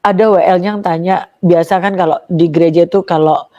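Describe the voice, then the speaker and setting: A young woman appears as a guest to give an emotional conversion testimony, telling her story animatedly and acting out what others said. Her voice is lowish, dark, and steady in tone, and she speaks briskly.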